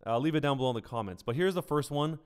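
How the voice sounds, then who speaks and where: Speaking straight to his audience in a relaxed, conversational way, this streamer and gaming news host provides casual livestream gaming commentary. His clear voice runs on the high side, and he talks at a racing pace.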